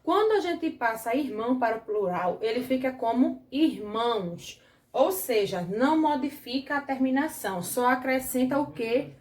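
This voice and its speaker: Brazilian woman teacher, higher voice, slow and patient, echoey room. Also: animated, a little mellow. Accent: Brazilian Portuguese. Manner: patient, asks the class questions and checks with "certo?". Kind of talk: grammar lesson for children.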